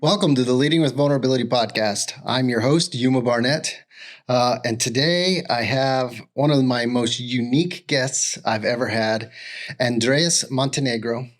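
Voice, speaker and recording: A man's voice: medium pitch, normal speed. A man hosting a podcast, introducing his guest in an upbeat, enthusiastic way with a few fillers. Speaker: podcast host.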